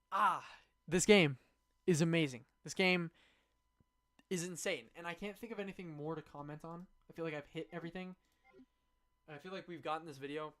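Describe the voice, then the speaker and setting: A man's voice: on the high side, fairly bright tone. A young man streaming, rambling enthusiastically through a casual game review, with many fillers and restarts. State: hiccuping.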